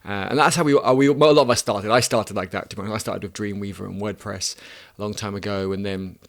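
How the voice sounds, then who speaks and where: A man in his thirties chats casually on a live stream, reading chat questions and working through answers out loud. His voice sits a little low, and he often restarts his sentences and laughs at himself. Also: fast, creaky. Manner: relaxed, thinking aloud with many restarts, laughs at himself.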